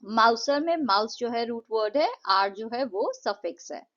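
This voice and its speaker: A woman teacher with an Indian accent explains an English lesson, her voice sitting a little high. She reads the English sentences slowly and deliberately before explaining them faster. The recording sounds dull and lo-fi. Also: animated, fairly bright tone. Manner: slow, deliberate English reading, quicker explanations.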